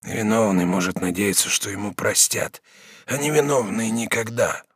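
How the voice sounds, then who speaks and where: A worn-out old prisoner near death, voiced by a man reading a novel aloud, speaks in a slow, sighing murmur. The voice drops low and quiet, with a dry close studio sound. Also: slightly rough, no room sound. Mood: resigned. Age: 60s. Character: dying old male prisoner, weary and resigned. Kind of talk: audiobook character reading.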